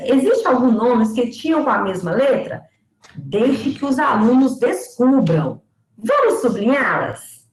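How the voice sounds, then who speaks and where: Woman teacher, high and animated, slow explanatory pace, echoey room. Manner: slow, explanatory, sounding out words syllable by syllable. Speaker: pedagogy lecturer. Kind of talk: online teaching lesson.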